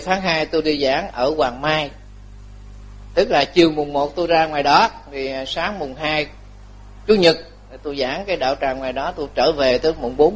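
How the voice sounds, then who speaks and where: Buddhist monk guy giving a dharma talk, pretty high voice, jokes a lot, repeats himself. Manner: lively, joking, laughs often, repeats phrases. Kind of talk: dharma talk to lay followers.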